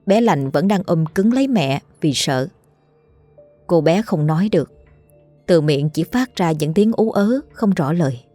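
A woman storyteller reading a ghost story in a steady, solemn scripted narration. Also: fairly low pitch, unhurried, dry recording, faint music behind.

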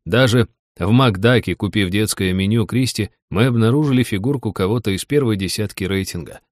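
A man narrating a first-person audiobook in an even, steady storytelling manner. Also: fairly low pitch, a little fast, no echo, studio quality.

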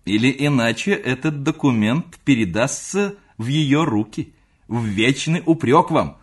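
Man doing an excitable, pleading young nephew. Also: unhurried, slightly rough. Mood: excited. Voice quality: eager, pleading, high-strung. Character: excitable young man, teasing his uncle.

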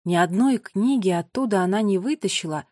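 A woman's voice: medium pitch, fairly quick, darkish tone, no room sound, clean studio sound. Woman narrating a children's audiobook.

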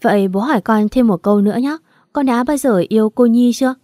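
A woman's voice: on the high side, fast, dark tone, no echo, clean studio sound, close to an everyday voice. A woman voicing a stern, grieving father. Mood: gentle. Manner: pleading, reproachful. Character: grieving remorseful father, stern with his daughter.

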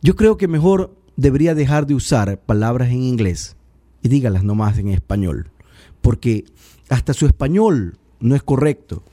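Male political commentator, mellow low timbre, dry close sound, sarcastic and pedantic. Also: lively intonation, normal speed, no echo. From Ecuador. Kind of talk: radio-style political commentary.

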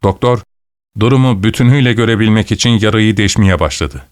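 A man narrating an audiobook in a measured, literary storytelling manner. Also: lowish voice, clear, resonant tone, no echo, studio quality.

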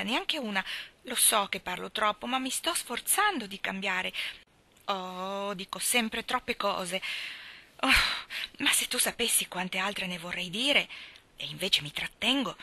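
A woman's voice: mid-range voice, pushed and bright, exaggerated voice. A woman voicing an earnest, talkative thirteen-year-old girl who pours out her words in an effusive rush, in an audiobook reading. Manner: breathless, effusive, talks on and on.

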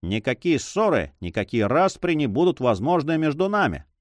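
A man's voice: on the high side, very animated, normal speed, dry recording. A man voicing an earnest pirate who declares brotherhood in an audiobook.

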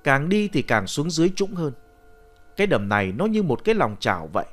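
A man narrating a ghost story in the first person, telling it with animated, expressive delivery. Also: a little high, brisk. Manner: animated storytelling, shouting the boy's cries.

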